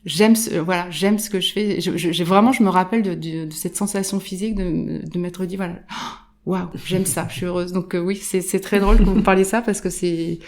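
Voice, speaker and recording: A middle-aged woman, a photographer being interviewed, talking in a lively, halting way with many restarts and repeated words. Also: lowish voice. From born in Morocco, raised in Nairobi and London. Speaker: guest, photographer. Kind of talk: casual interview conversation.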